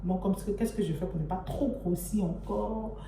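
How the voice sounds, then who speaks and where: A young adult woman introduces her vlog channel, chatting casually and affectionately to viewers in a mid-range voice at normal speed. The mic is distant, giving roomy echo and faint noise.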